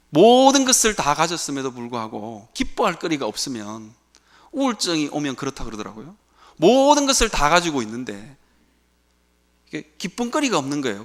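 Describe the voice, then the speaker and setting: A man's voice: medium pitch, a bit bright. A man preaching a sermon as a pastor, asking rhetorical questions and answering them himself. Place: church sanctuary.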